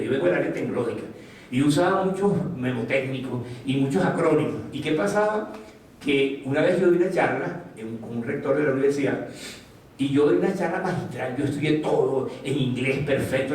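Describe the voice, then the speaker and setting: A man giving a motivational talk to an audience in an animated way, putting questions to the listeners and acting out quotes. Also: medium pitch, slight background noise. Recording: distant mic in an echoey room.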